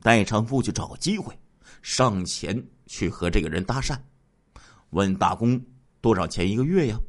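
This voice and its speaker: Animated male true-crime storyteller. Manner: animated storyteller, sweeping pitch jumps, drawn-out particles. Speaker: narrator of a true-crime radio program. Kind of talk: dramatic storytelling narration.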